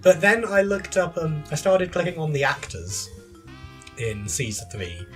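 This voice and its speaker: A fairly high-voiced man co-hosting a podcast, chatting casually about video games. He is chatty and breaks into giggles between sentences, with faint music behind him. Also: sing-song, measured pace, fairly bright tone. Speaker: podcast co-host.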